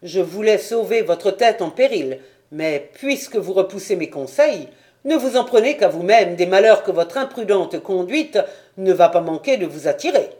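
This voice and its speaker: A woman voicing a weary, stern nobleman commander in a storybook reading, speaking gravely and with reproach. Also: medium pitch, animated, moderate pace, darkish tone, lightly acted. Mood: reproachful.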